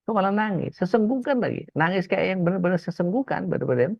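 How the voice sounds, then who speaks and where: A man's voice: high voice, creaky, husky, no echo. Man telling a story in a casual Islamic talk. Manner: storytelling, acts out quoted characters. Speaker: Islamic preacher. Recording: dull, dry lo-fi sound.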